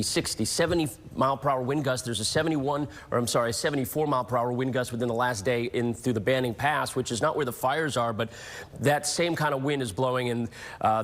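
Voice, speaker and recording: A man's voice: mid-range voice, fairly bright tone, in a large hall. Man giving a TV weather report. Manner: explanatory, self-correcting, light teasing. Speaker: TV weather presenter. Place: TV studio.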